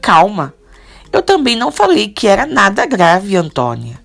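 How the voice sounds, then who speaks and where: Calm helpful young man, read by a woman. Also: mid-range voice, normal speed, vocal fry, soft background music, full character voice. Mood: reassuring.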